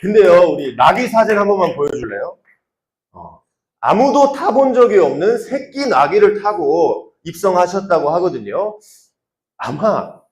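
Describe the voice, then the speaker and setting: A youth pastor preaching to teenagers in a roomy church room, his voice high and full of lively swings. He draws the students into responses and acts out the shouts of the crowd. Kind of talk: sermon to teenagers.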